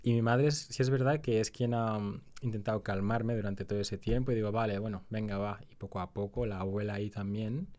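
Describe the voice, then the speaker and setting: Low-voiced young man, relaxed interview guest. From Spain. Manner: animated when retelling stories, slows when reflecting. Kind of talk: casual interview talk.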